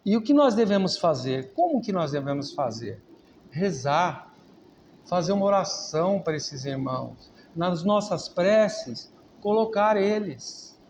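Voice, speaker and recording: Brazilian male lecturer, high-pitched, earnest, anecdotal spiritist talk. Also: darkish tone, a little hiss or hum. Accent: Brazilian Portuguese. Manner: earnest, conversational, with personal anecdotes. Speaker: speaker at a spiritist public meeting.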